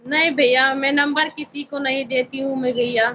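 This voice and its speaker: A woman's voice: high voice, fairly even intonation, normal speed, highs cut off, slight background noise. A woman from Uttar Pradesh hosting a casual live stream, politely answering viewers' comments and calling everyone brother. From Uttar Pradesh, India. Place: home in Visakhapatnam.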